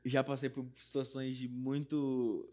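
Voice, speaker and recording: His voice is mid-range and a little slow. A young Brazilian singer-songwriter on as a guest, he chats casually through a personal story in a Brazilian Portuguese accent, animatedly acting out the dialogue and leaning on fillers like "tipo" and "não sei o quê".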